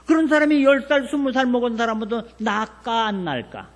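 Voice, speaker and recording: Older man preaching, folksy and animated. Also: very high voice, a little fast. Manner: folksy storytelling with rhetorical questions to the congregation. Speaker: pastor. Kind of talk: revival sermon.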